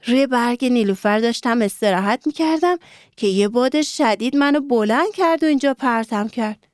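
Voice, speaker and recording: A woman's voice: on the high side, no room sound, studio quality, lightly acted. Woman voicing a chirpy sing-song little frog. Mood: eager. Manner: sing-song croaking chant. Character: small cheerful pond frog, eager and chirpy.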